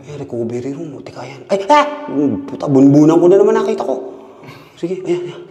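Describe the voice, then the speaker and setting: A man's voice: fairly high pitch, lively intonation, fairly quick. Jittery cursing man in echoey halls. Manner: jittery, swears constantly, repeats words, drops to a hush. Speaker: vlogger exploring an abandoned hospital. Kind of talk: nervous exploration commentary. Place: empty hospital corridors indoors. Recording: echoey hall reverb, faint noise.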